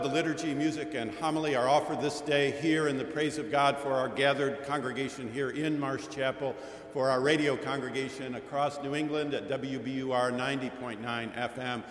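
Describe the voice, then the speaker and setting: A man leading worship as pastor, speaking in a measured, solemn and formal way, his voice carrying a cathedral-like echo in a chapel. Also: mid-range voice. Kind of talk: formal liturgical address. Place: chapel sanctuary. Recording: echoey chapel radio broadcast.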